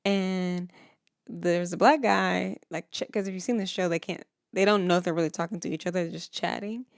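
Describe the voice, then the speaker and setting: A woman co-hosting a casual couples podcast from home, talking in an animated way, often laughing and jumping in. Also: on the low side, brisk, gravelly, no room sound, clean studio sound. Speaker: podcast co-host. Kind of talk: casual chat.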